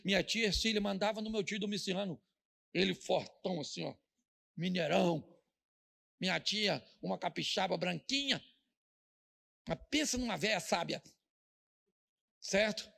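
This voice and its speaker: A man's voice: sits high, vocal fry, pushed and bright. A middle-aged man with a Brazilian Portuguese accent, a pastor preaching a humorous sermon, joking and telling stories as he acts out the voices of the people in them.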